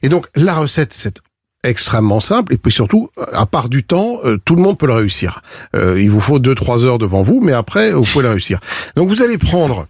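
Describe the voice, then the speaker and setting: A man's voice: mid-range voice, very animated, fairly quick, husky, no echo. A man from Belgium giving a chatty, explanatory cooking segment on a studio radio show. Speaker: food columnist. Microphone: studio microphone.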